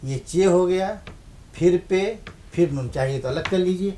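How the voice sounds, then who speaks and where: Male teacher, slightly high voice, patient lesson delivery, repeats himself for emphasis. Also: mellow, a little hiss or hum. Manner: patient, asks questions then answers them himself; repeats key points for emphasis. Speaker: Urdu script teacher. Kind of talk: televised language lesson.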